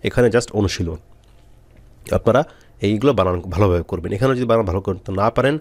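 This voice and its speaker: A man's voice: fairly low pitch, fast, dry recording. A man teaching Quran reading step by step, spelling out letters and repeating syllables for his students to drill. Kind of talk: step-by-step recitation lesson.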